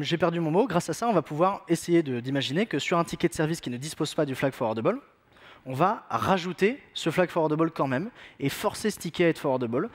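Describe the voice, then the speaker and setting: Male conference presenter, slightly high voice, playful and self-deprecating, filler-heavy delivery. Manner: joking, self-mocking, many fillers. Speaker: conference speaker. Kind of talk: technical conference talk.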